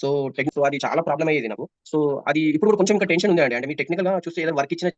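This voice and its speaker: A man giving course feedback over a video call whose audio keeps breaking up, talking haltingly and checking whether he can be heard. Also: on the high side, animated, no room sound. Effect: choppy breaking-up online call audio. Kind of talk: casual video-call chat. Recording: dull dry call audio.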